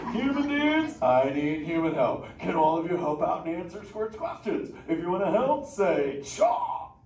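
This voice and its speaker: A man's voice: high voice, sing-song, a little slow, exaggerated voice. A man voicing a laid-back male sea turtle who talks in a slangy surfer drawl, chatting live with a theater audience. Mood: stoked. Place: indoor theater show. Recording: echoey theater, distant, noisy.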